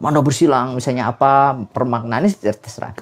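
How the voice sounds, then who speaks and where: A man from South Kalimantan, explaining traditional theater in a lively way, with frequent "eh" fillers. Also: medium pitch, brisk. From South Kalimantan, Indonesia. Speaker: cultural presenter.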